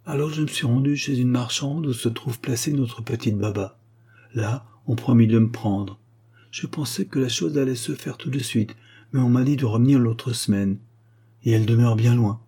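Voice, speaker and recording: A man's voice: medium pitch, moderate pace, warm tone, breathy edge. A man doing a weary poor young mother. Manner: tired, pleading.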